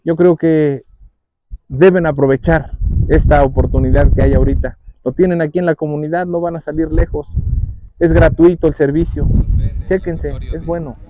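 This thirtysomething municipal president speaks with a Mexican Spanish accent, delivering an outdoor speech on a rural dirt road that's full of filler words. His slightly high voice stays steady at a normal speed. Audio from his lapel mic is dull, with a noisy background.

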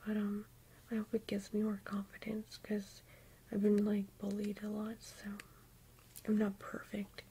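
A young woman whispers softly in a flat, even tone, voice dark and mellow. She gushes compliments and rambles with "like" and "um" between phrases. A faint hiss sits under her whisper. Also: mid-range voice, a little slow, rough recording. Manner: soft unvoiced whisper, gushing compliments; rambling with fillers like "like" and "um". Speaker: ASMR YouTuber. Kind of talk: whispered ASMR makeup roleplay.

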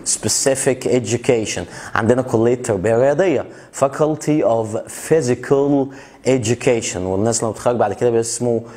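A man's voice: mid-range voice, darkish tone. Joking Egyptian man teaching English words. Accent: Egyptian Arabic. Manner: slows down and stretches out English words to drill pronunciation; joking, chatty asides. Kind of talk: casual video lesson explaining vocabulary.

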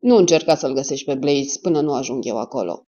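Cold male detective, read by a woman, clipped orders, low voice, lo-fi audio. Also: animated, warm tone, husky, full character voice. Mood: commanding. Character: cool, blunt male private detective. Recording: dull lo-fi audio.

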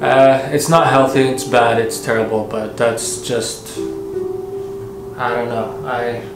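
A man in his twenties casually answering viewer questions in a relaxed, chatty way, with lots of fillers and restarts. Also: mid-range voice, slow, loud music behind the voice. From Canada and Qatar. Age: 20s. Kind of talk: casual Q&A vlog. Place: home office, then outdoor courtyard. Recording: echoey room with clear background noise.

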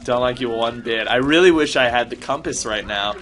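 A man's voice: mid-range voice, fairly quick, a bit bright, a little hiss or hum, close to an everyday voice. A man voicing a bubbly, airheaded Buddhist monk with a Valley Girl accent, full of "like" and "totally.". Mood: ditzy. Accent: California Valley Girl. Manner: ditzy, peppered with "like" and "totally". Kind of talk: improvised comedy bit.

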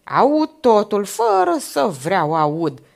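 A woman voicing a hot-tempered old man who bursts in shouting and ranting in an audiobook. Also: mid-range voice, wildly swooping pitch, vocal fry, pitched above the performer's own voice. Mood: furious.

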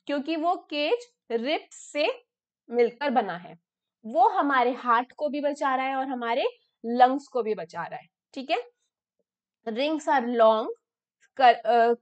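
A woman science teacher with an Indian English accent gives an online lesson. She mixes English and Hindi and keeps checking with "okay?". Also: high voice. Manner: filler-heavy, repeats terms slowly for students.

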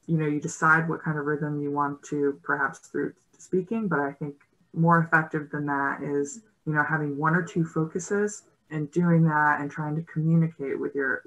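On a muffled recording, a low-pitched woman with a pushed, bright voice takes part in a casual panel discussion. A guest rower in her thirties, she talks over a video call's laptop mic from a room at home, hesitant and thoughtful, with lots of fillers.

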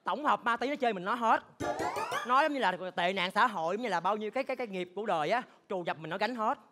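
A man doing a shrill old gossip woman. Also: expressive, faint music behind. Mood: scandalized. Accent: Southern Vietnamese. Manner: sharp-tongued, rapid, exaggerated gossip. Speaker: comedian in a stage sketch. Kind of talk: stage comedy sketch acting.

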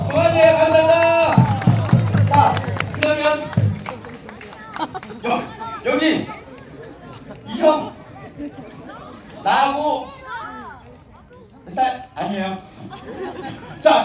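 A man in his late thirties acting as emcee at a live outdoor show, teasing and joking with the audience about himself. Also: extremely high pitch. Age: 30s. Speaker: emcee of a traditional performance. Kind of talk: live crowd banter. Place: outdoor performance ground. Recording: echoey, distant mic, loud crowd. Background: audience crowd.

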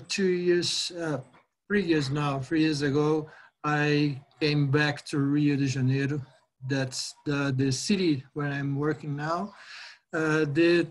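Speaking in a fairly high pitch, this middle-aged man from Brazil delivers a guest lecture as an academic webinar on a video call. His Brazilian Portuguese accent comes through as he stumbles along with frequent fillers and restarts.

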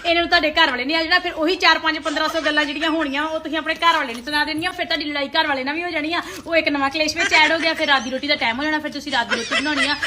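A woman's voice: high-pitched, steady tone, background noise. A woman giving a sarcastic comic monologue. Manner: sarcastic, brisk. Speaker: comedy vlogger.

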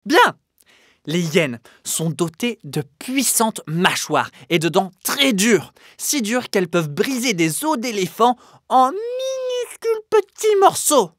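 A woman's voice: fairly high pitch, sing-song, takes it slowly, slightly rough, no room sound, clean studio sound. A woman hosting a children's educational video, playful and exclamatory, with jokey asides to the animals. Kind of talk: lively presenting to children. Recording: music playing under the voice.

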